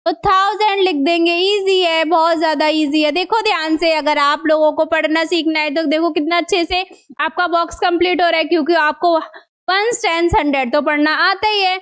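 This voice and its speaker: A woman with a very high voice teaches a math lesson in a coaxing classroom manner. She keeps asking her students the same questions again and again. She slows right down to spell out each number. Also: fairly even intonation, a bit bright.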